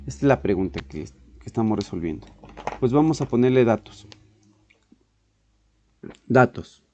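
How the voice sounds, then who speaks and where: A man teaching a physics class, often clearing his throat, correcting himself and checking in with "ok". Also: medium pitch, animated, normal speed, mellow, muffled recording, slight background noise. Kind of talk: online exam-prep physics lesson.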